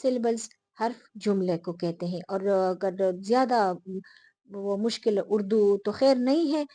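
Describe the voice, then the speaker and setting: A woman teacher explaining a lesson to her viewers, repeating the key terms slowly and pausing often with fillers. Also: mid-range voice, mellow, no echo. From Pakistan.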